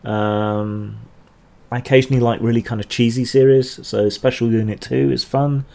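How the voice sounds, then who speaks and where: A man's voice: mid-range voice, fairly even intonation, normal speed, vocal fry, warm tone. A man answering chat questions on a casual livestream, rambling and hesitant with dry asides.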